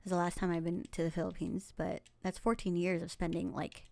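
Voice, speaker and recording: A gravelly, lowish voice with a level tone and brisk pace belongs to this game streamer, a woman in her forties from Los Angeles, United States, whose first language is Tagalog. She chats in a rambling way as she plays, sprinkling in fillers, soft laughs and whispered asides.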